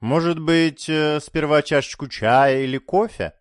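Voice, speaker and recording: A man voicing a smooth, falsely courteous hospital director in an audiobook. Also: fairly high pitch, measured pace, dry recording, clean studio sound, voice pushed up, lightly acted. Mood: polite.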